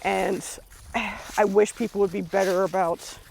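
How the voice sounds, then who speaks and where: A woman's voice: medium pitch, fairly even intonation, normal speed, creaky, a little mellow, a little hiss or hum. Out of breath woman rambling into an off the cuff vlog, swears a bit, outside on a scooter. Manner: rambling, candid, swears casually. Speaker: freelancer vlogger. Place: outdoors riding a kick scooter.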